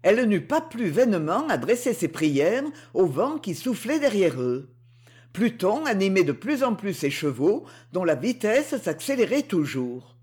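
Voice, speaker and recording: A woman narrating a mythological storybook audiobook in an expressive storytelling manner. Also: medium pitch, husky.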